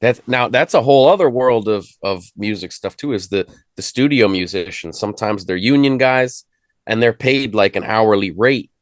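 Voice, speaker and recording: A man's voice: on the low side, normal speed, dry recording, studio quality. A man hosting a casual music chat, loose and profane, trailing off and restarting his thoughts. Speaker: host.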